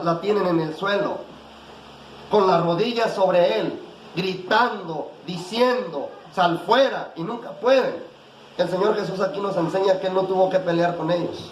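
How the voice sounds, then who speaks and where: A man preaching a sermon, reading scripture slowly and deliberately and then pressing his point with rising intensity. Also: high-pitched. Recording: echoey room with faint background noise.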